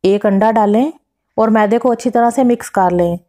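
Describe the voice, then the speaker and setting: Woman narrating a home recipe. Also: medium pitch. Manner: steady step-by-step instructions with measured quantities. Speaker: cooking channel host.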